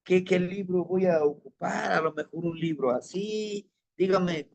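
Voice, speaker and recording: A man's voice: high-pitched, measured pace, creaky, a little mellow, lo-fi sound. A man voicing an eager young man who keeps pleading with his elder to teach him. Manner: pleading, insistent questions.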